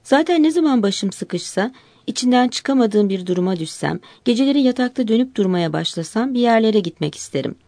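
A woman narrating an audiobook in a calm, measured reading voice. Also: medium pitch, no room sound.

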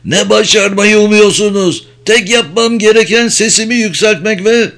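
A man voicing a bitter, scheming male clerk in a storybook reading, with a shrill, strained voice. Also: normal speed, a bit bright. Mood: bitter, sneering.

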